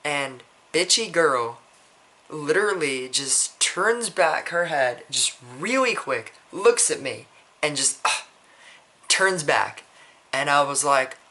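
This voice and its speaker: Guy vlogging a story, bright forceful voice, keeps restarting sentences, swears casually. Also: on the high side, animated, slow pace. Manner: rambling, frequent restarts, blunt and profane.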